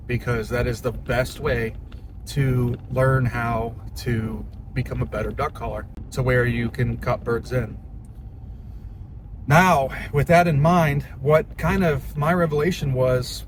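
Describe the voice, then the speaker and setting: A young man giving a casual, plain-spoken how-to talk in an informal way, like a hobbyist teaching a skill. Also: medium pitch. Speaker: hobby duck caller giving a tutorial. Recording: noisy, with car and ambient noise.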